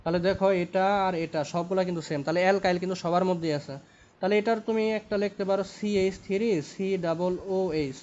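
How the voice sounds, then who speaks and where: This young man's high voice is steady, fast and a little mellow. Teaching chemistry at a whiteboard, he repeats points and checks in with tag questions, and the recording is dull and lo-fi.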